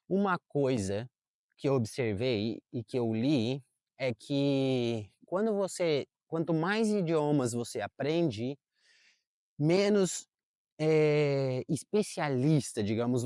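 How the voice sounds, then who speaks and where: In a casual vlog filmed outdoors in a park, a young adult man talks to camera in a chatty way, piling on fillers and self-corrections, and Portuguese is his first language. His medium-pitched voice is a little mellow, captured as clean studio sound without room sound.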